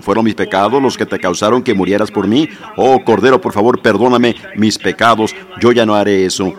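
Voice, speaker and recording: A man preaching a sermon, telling a story and leading an earnest, pleading prayer. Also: fairly low pitch. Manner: earnest, pleading, measured delivery.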